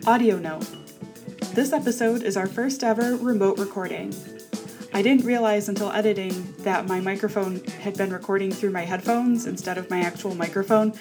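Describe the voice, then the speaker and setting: A woman's voice: mid-range voice, moderate pace. A woman hosting a podcast, reading a scripted introduction. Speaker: podcast host. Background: music.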